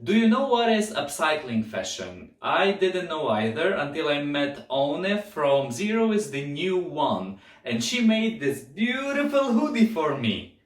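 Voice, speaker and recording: A man hosting a podcast, opening an episode in an upbeat, lively way. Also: fairly high pitch, unhurried. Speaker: podcast host. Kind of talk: show introduction. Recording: distant, roomy echoey sound.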